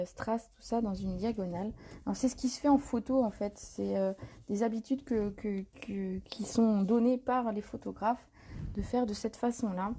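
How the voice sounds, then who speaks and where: A woman's voice: medium pitch, vocal fry, slight background noise. A woman hosting a live paper-craft tutorial, talking casually and improvising as she works, with plenty of fillers and self-corrections. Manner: chatty and relaxed, many fillers and self-corrections.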